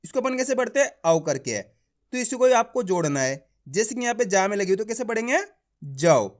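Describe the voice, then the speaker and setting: A man teaching an online reading lesson, spelling words out slowly syllable by syllable and often checking that the learner follows. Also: high-pitched, big pitch swings.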